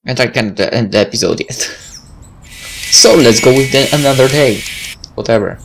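This let's-play features a man reading out a visual novel at a moderate pace in a creaky, medium-pitched voice. Game music and a noisy background accompany his casual, humorous and profane side remarks.

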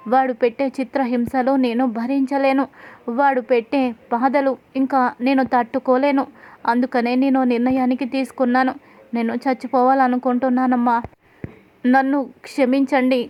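Tearful young wife in despair, read by a woman narrator; high, flat delivery. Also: lo-fi sound, close to an everyday voice.

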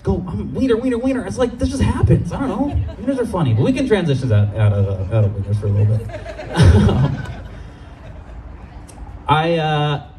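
Performing an outdoor stand-up set, this young LA man grips a handheld mic and stays animated, pitching his voice up high to imitate the people in his stories. He moves at a moderate pace with crowd noise around him.

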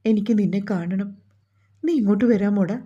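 A woman's voice: medium pitch, moderate pace, dark tone, husky, natural voice. A woman voicing a worried older mother who pleads and scolds in an emotional tone, on a dull lo-fi recording. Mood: pleading.

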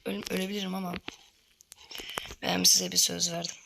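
A woman's voice: fairly low pitch, little pitch movement, moderate pace, vocal fry, background noise. A woman giving casual commentary while playing a mobile shooter, grumbling and swearing in frustration. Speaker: gamer streaming a mobile battle royale.

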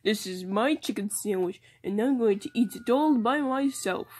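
A woman's voice: fairly high pitch, animated, normal speed, darkish tone. A woman voicing a grumpy male toy customer who pretends to be Italian in a doll play, impatient and blustering. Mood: huffy.

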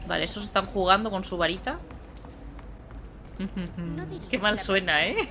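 Over game music and crowd noise, a young woman streamer chats to herself at a measured pace while she plays. Her medium-pitched commentary is casual and playful.

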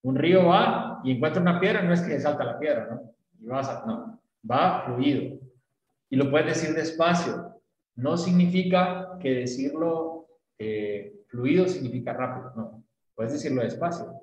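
A man's voice: fairly high pitch, animated, measured pace, very echoey, lo-fi sound. A man from Latin America teaching an English lesson, explaining patiently with images and asking questions.

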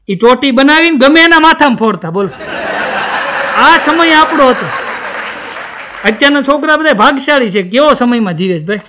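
A stand-up comedian from Gujarat, a man, telling jokes and acting out the people in them. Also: very high-pitched. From Gujarat, India. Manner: animated storytelling, acts out the people in his jokes.

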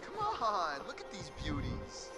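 A man's voice: a little high, very animated, unhurried, music in the background, low-quality recording. An actor voicing a cocky, playful young male college student in a video game. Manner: joking, playful. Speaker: game character.

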